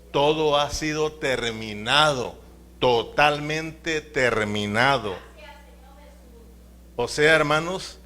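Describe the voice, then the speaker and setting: A man's voice: mid-range voice, pushed and bright. A man preaching a sermon in a church, emphatic, calling his listeners brothers and asking them to repeat after him.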